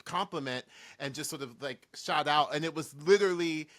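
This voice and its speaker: A man co-hosting a podcast, excitable and stammering through restarts in casual chat. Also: on the high side, normal speed. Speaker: podcast co-host.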